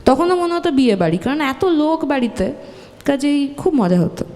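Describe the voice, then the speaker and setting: A woman's voice: high voice, sing-song, moderate pace, darkish tone. A woman, a singer guest chatting candidly and cheerfully. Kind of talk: casual chat. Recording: long hall reverb.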